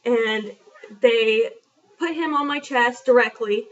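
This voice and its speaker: A woman's voice: fairly high pitch, slow pace. A young woman telling a personal story in a casual vlog, chatty and frank, with lots of fillers. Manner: chatty, frank and self-deprecating, with many fillers. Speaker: vlogger. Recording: dull lo-fi sound from a distance.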